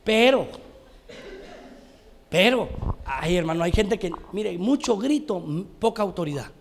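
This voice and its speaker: A man's voice: high-pitched, gravelly. A man preaching a televised sermon, telling anecdotes and calling his listeners brothers. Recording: long hall reverb.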